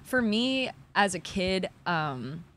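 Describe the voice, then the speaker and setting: A woman's voice: on the low side, sing-song, slow pace, a bit bright. A young woman, an athlete guest, talking chattily with lots of "like" into a handheld mic on an outdoor patio. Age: young adult. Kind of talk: casual interview.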